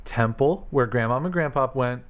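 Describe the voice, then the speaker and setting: A man's voice: medium pitch, moderate pace. A man casually quizzing his young daughter at home, asking questions patiently and teasing her. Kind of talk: casual home video chat.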